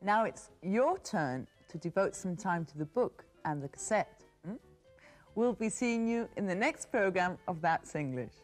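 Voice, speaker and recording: A woman hosting an English-teaching TV program, reading scripted lines in a clear, measured way. Her voice sits at a middle pitch. Soft music plays in the background. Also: lively intonation. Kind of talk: scripted educational presenting.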